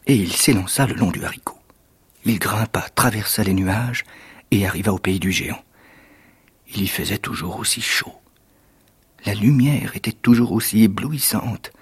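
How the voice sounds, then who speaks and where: A man, an actor, reading a fairy tale aloud in measured, expressive storytelling narration. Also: lowish voice, breathy edge.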